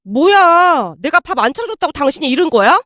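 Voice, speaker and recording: A woman's voice: sits high, sing-song, fairly quick, a bit bright, no room sound, clean studio sound. A woman voicing a self-centered young wife who protests shrilly and defensively. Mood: indignant.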